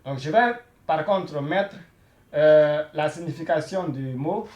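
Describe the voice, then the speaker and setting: Slow, patient man teaching in an echoey room. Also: on the high side, a little mellow. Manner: patient, repeats words many times, checks in with "hein?" and "voilà". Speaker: Arabic teacher. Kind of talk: beginner language lesson.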